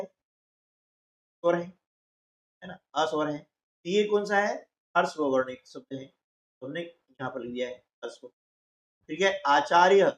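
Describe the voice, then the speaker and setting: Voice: mid-range voice, roomy sound, dull audio. A teacher talking through a workbook lesson one step at a time, asking questions and answering them, and often checking in with short tags. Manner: slow, explains step by step, asks and answers its own questions; often adds "है ना" and "ठीक है". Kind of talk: classroom lesson walkthrough.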